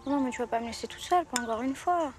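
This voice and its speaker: A woman's voice: sits high, quick pace, lightly acted. A woman playing a clingy, pleading girlfriend. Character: clingy young woman who hates being alone. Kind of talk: sitcom acting. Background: background music.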